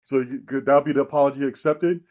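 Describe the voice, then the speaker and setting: A man's voice: mid-range voice, fairly even intonation, fast talker, darkish tone. A man on a sports betting podcast panel, loose and joking, meandering through his picks over a weak connection. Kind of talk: casual sports betting chat. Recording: faint remote connection.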